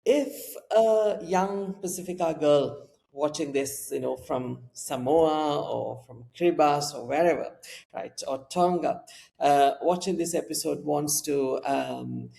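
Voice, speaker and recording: An interview host asking thoughtful questions in a measured, reflective way, with frequent fillers. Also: medium pitch, vocal fry, warm tone. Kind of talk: interview conversation.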